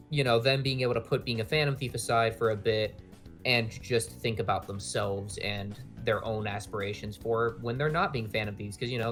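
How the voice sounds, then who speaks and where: A man's voice: on the low side, fairly bright tone. A man in casual debate chat, talking loosely with lots of fillers and the odd swear word.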